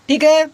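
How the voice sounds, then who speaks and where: A woman teaching an English grammar lesson, asking her own questions and answering them, checking in with "okay" again and again. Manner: asks questions and answers them herself, repeats "okay" often. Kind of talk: explanatory online lesson.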